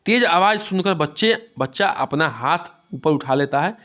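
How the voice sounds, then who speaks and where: A man's voice: on the high side, animated, moderate pace, fairly bright tone. A man giving an exam-prep lecture and explaining things with a lot of repetition, often asking "theek hai". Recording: dull lo-fi sound.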